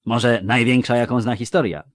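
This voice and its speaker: A man's voice: medium pitch, fairly even intonation, normal speed, no room sound, voice pushed up, natural voice. A male narrator voicing a blunt, growling male dwarf who speaks forthrightly.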